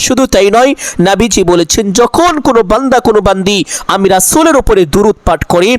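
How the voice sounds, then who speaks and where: A man giving scripted religious instruction in an earnest, measured way, chanting the prayer phrases slowly and drawn-out. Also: high voice, dry recording. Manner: measured, earnest preaching delivery. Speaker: religious teacher.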